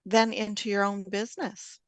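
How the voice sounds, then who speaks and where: A woman's voice: mid-range voice, flat delivery, moderate pace, no echo. A middle-aged woman co-hosting a talk show, bantering playfully and laughing. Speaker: show co-host. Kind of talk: casual chat.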